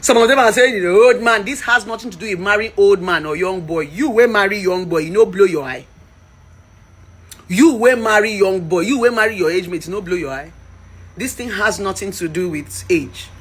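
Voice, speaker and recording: A woman's voice: mid-range voice, normal speed, husky. A Nigerian woman in her thirties giving a passionate, preachy commentary rant. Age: 30s. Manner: impassioned, preachy, mixes in Pidgin. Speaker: vlogger.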